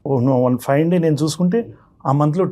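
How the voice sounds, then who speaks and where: Earnest and polite, this Visakhapatnam, India native tells his problem as a guest on a counselling show, frequently calling the hosts sir or madam. He speaks at a normal pace in a fairly high, mellow voice.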